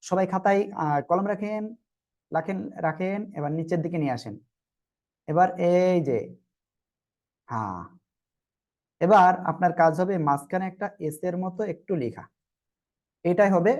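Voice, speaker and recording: The recording is muffled as a Quran teacher with a medium, somewhat mellow voice guides an online group class. Each letter is sounded out slowly and patiently for everyone to repeat together.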